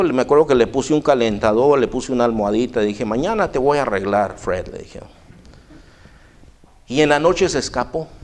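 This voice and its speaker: A man's voice: mid-range voice, a little mellow. A man preaching a sermon in a church, telling a personal story folksily and often calling listeners brother. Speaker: pastor.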